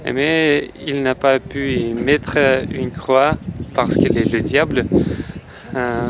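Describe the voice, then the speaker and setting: A man from Russia with a Russian accent, a native Russian speaker, narrating a travel vlog in halting, careful phrases. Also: mid-range voice, highs cut off, heavy background noise. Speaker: travel vlogger. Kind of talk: scripted vlog narration in French. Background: music.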